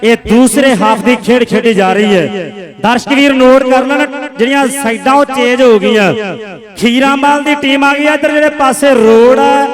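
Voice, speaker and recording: A man's voice: extremely high pitch, moderate pace. A man with a Punjabi accent doing live kabaddi commentary and announcements, repeating words for emphasis. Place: outdoor kabaddi tournament ground. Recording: crowd noise behind live PA.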